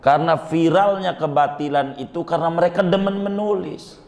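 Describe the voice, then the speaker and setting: A man's voice: fairly high pitch, normal speed, gravelly, a little mellow. A male preacher giving a conversational sermon, teasing the listeners with rhetorical questions. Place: mosque.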